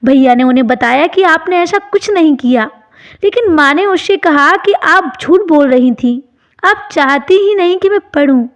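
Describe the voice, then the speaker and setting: A woman's voice: high-pitched, lively intonation, moderate pace. A woman reading the part of a tearful young man who pleads with his sister-in-law in a choked voice. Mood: pleading.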